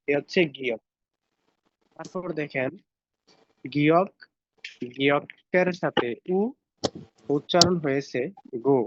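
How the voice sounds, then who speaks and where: A man's voice: on the high side, a bit bright, dull audio, slight background noise. A man teaching a language lesson, patiently drilling pronunciation over slides. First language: Bengali.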